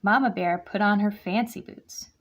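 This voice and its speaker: Her voice is mid-range and her pace moderate as she reads a picture book to kindergartners. As the class's guest reader, she brings expression to the story and acts out the character dialogue.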